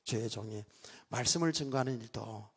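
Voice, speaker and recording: A man's voice: mid-range voice, fairly quick, husky. A middle-aged man preaching a sermon as pastor in a church, talking casually with the congregation and joking in asides. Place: church sanctuary.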